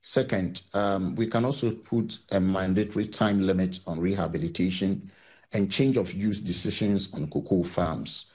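A man's voice: sits low, steady tone, moderate pace, darkish tone. A man speaking as an interviewee, setting out policy proposals with some hesitation. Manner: policy-minded, with fillers.

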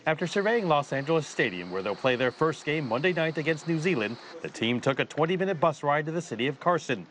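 A man reporting a news story in a steady, scripted voice-over. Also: a little high, fast, slight background noise.

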